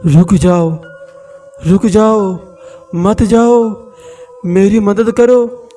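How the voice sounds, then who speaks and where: A man voicing a disfigured female ghost witch who pleads and lures softly, in a storytelling recording. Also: high voice, steady tone, very slow, distant mic, soft background music. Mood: pleading. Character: disfigured ghostly witch woman, luring and eerie.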